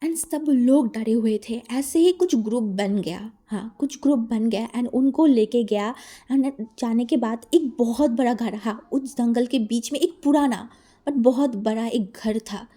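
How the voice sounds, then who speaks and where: A woman's voice: fairly high pitch, a little slow, mellow. A woman telling a fan-fiction story in a chatty, repetitive way, mixing in English words.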